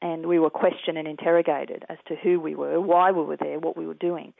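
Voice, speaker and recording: Australian man, gravelly voice over phone. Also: on the high side, flat delivery, dry recording. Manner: earnest, measured storytelling. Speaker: guest, peace activist. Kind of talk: recounting experiences in an interview. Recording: tinny dry phone line.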